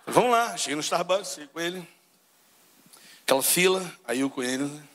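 Carioca preacher guy, high bright voice, tells a story and plays all the parts, keeps calling the crowd brother. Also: expressive, a little fast, big-room sound. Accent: Carioca Portuguese. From Brazil. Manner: storytelling, acts out dialogue, addresses crowd as brother. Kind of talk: sermon.

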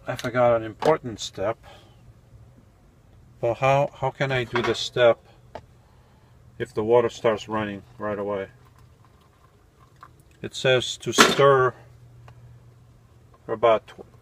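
A man in his forties talks to camera while making coffee inside his cramped, cluttered van at night, a casual how-to from a van-life vlogger. He speaks slowly at a medium pitch with a steady tone, pausing often, over background noise, musing aloud, correcting himself and sounding mildly puzzled.

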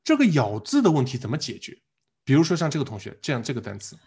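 Lively husky male English teacher. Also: medium pitch, quick pace. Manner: animated, asks the class questions and drills words by repetition. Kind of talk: live online lecture.

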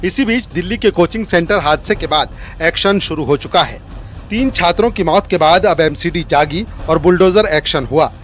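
A man reading a scripted news report as a voice-over in a steady, formal manner. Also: fairly high pitch, normal speed.

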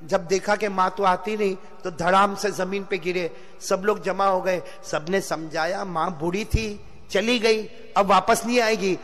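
A male preacher, delivering an impassioned sermon that swings from low storytelling to shouted exhortation and calls on the crowd to repeat after him. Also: steady tone, measured pace, big-room sound. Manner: calls on the audience to repeat phrases.

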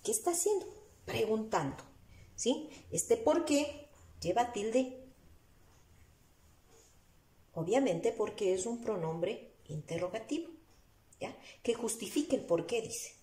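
A woman teacher with an Ecuadorian Spanish accent explains a lesson slowly, step by step, asking her students rhetorical questions as she writes on the board. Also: fairly high pitch, sing-song, warm tone. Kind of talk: recorded class lesson. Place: room with a whiteboard. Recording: echoey room.

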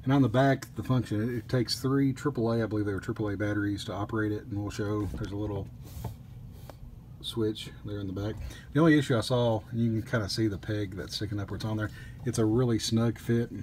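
A man casually reviewing a collectible statue at a table indoors, easygoing, with frequent pauses. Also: lowish voice, steady tone, a little mellow, slight background noise.

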